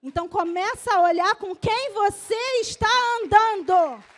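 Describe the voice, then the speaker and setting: Brazilian woman pastor preaching, really high voice kinda strained, chatty then loud. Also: expressive, a little slow, a faint crowd. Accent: Brazilian Portuguese. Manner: conversational, swings from soft asides to loud exhortation. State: voice slightly strained. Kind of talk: sermon.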